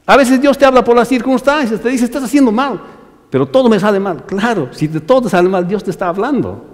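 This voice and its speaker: In a large hall, a man delivers a sermon at a fast clip with lively intonation. He's a pastor speaking straight to the brothers in his congregation, pushing upward on repeated phrases and sinking low at the close of each line.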